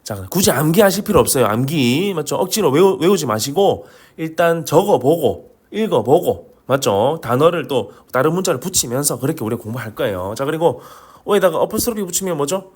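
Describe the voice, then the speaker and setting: A man's voice: a little high, a little fast, few pauses, slightly rough. A man with a Korean regional dialect teaching Vietnamese pronunciation in an online lesson, repeating each sound as a drill and joking along the way. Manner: lively, drills sounds by repeating them, jokes and apologizes.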